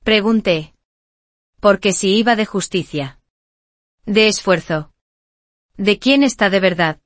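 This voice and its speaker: Woman narrator with a mid-pitched voice, dry close sound, steady storytelling. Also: slow pace, no echo. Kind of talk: first-person scripted story narration.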